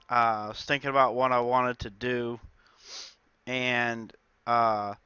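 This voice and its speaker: Speaking in a bright, forceful, clean mid-range voice, a stuffed-up man with a mild cold rambles through a casual game dev diary full of filler words. The audio is dry and dull.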